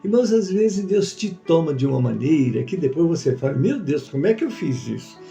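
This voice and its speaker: A man preaching as a pastor, telling a testimony and acting out the dialogue in a lively storytelling manner. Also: on the high side, brisk, creaky, faint music behind. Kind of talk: sermon testimony. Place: church.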